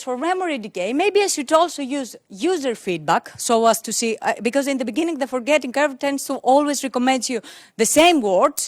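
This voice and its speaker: At a tech conference, a young woman whose first language is Greek gives a technical talk into a handheld mic, her voice slightly high. She sounds hesitant, searching for words with many fillers and restarts. The sound is dry and close, with no echo and little room in it.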